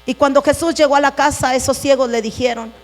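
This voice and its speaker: Speaking fast in a high voice with fairly even intonation, a woman pastor delivers an earnest sermon and calls her listeners brothers and sisters.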